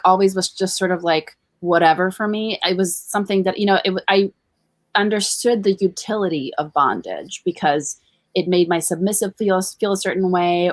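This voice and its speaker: A woman from Bosnia, a professional dominatrix and educator, chats casually and candidly as an interview guest, comfortable with swearing. Her voice is on the low side, and the recording has no echo.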